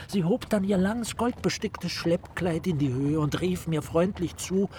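A man's voice: sits high, unhurried, a little mellow, a little hiss or hum. An actor playing a pompous writer who tells stories of his boyhood in an ornate, theatrical way. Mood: storytelling. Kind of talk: radio play acting.

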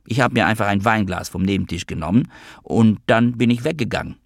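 A man reading an audiobook voices a sharp-tongued, bitter adult woman with a sarcastic, needling manner, pitching his voice up for her. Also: brisk, vocal fry, no echo, studio quality. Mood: taunting. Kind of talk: audiobook character voice.

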